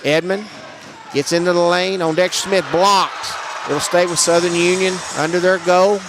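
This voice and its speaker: A man doing live play-by-play commentary on a basketball game, brisk and matter-of-fact, raising his voice on big plays. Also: sits high, steady tone, noisy background. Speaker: play-by-play announcer.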